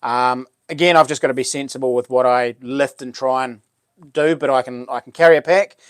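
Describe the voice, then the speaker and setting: Male livestream host, broad Kiwi accent, mid-to-low pitch, dry sound, matey and slangy. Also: steady tone, fairly quick, clear, resonant tone, no echo. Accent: New Zealand. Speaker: live stream host. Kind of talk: casual livestream chat, reading out comments.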